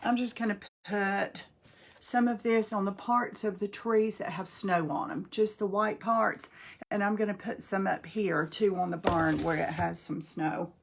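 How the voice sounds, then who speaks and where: A woman's voice: mid-range voice, fairly even intonation, measured pace, creaky, a little hiss or hum. Chatty woman with a North Carolina Southern accent. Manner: chatty and folksy, greeting viewers by name. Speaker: craft host. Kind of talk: live-streamed craft demonstration.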